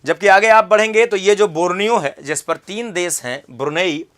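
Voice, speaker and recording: A man's voice: high-pitched, normal speed, fairly bright tone. A man teaching an exam-prep geography lesson, repeating key terms and quizzing the viewer with questions.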